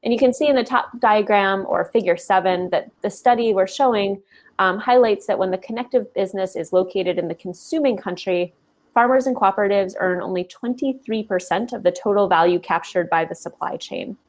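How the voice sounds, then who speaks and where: A woman researcher leads a panel discussion. She lays out the topic in a measured, explanatory way and hesitates often with ums. Her pitch sits in the middle range.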